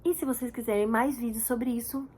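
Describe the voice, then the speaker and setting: A woman's voice: on the high side, steady tone, brisk, warm tone, slightly rough. A Brazilian woman in her thirties chatting casually to camera as a vlogger, repeating words for emphasis.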